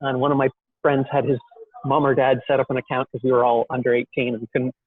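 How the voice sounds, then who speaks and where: A man's voice: medium pitch, monotone, quick pace. Man's voice, tinny phone-line audio. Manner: self-deprecating, rambling with many fillers and restarts. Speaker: guest entrepreneur. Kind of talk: casual interview storytelling.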